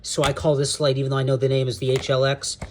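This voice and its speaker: Man, casual gear walkthrough, rambling, self-correcting, faint background hiss, middle pitch. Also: monotone, quick pace. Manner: rambling, self-correcting, laughs at own slips. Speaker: security officer reviewing duty gear.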